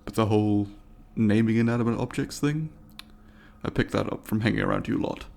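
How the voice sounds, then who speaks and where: Brisk and friendly, a man with a lowish, darkish voice and vocal fry voices an eager, polite alien student in an ASMR roleplay. He speaks to the listener formally and with precision, full of questions and apologies.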